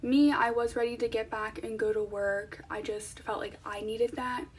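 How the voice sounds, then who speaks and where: Young girl doing a chatty vlog, voice a bit high, little bit of background noise. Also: fairly even intonation, normal speed, far from the mic. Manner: informal, conversational, frequent "like". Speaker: vlogger. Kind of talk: casual chatty vlog to camera.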